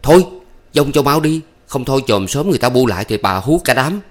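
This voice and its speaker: A man's voice: on the low side, a little fast, natural voice. A man reading a story, voicing a young village man who scolds and hurries his lover. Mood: scolding. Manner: urgent, scolding.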